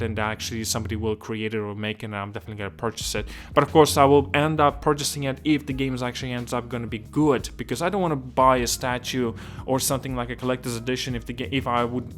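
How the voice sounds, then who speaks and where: An Estonian man with a mid-range voice hosts a casual gaming video, rambling and restarting his sentences while frequently asking whether he's making sense.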